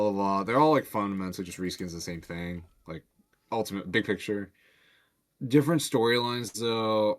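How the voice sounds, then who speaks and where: A man who develops a game mod, chatting loosely on a stream with lots of fillers and casual swearing. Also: lowish voice. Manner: rambling, loose talk full of fillers and swearing.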